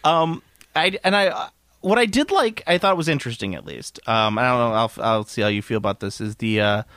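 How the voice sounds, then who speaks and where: A man chats casually about movies, rambling and laughing often as he restarts his sentences. His voice sits at a middle pitch. The sound is dry and close. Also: expressive, a little fast, a bit bright, no echo.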